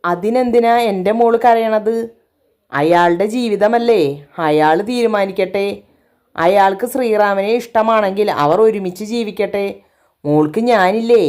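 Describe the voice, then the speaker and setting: A woman voicing a loving middle-aged father who speaks in a soft, reassuring way. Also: mid-range voice, measured pace, lightly acted. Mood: tender.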